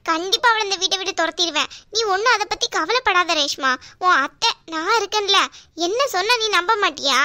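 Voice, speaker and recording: A woman voicing a scheming, domineering middle-aged aunt in a cartoon, talking in a bossy, scornful way. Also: bright, forceful tone. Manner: bossy, scornful, low and slow. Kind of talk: cartoon voice acting.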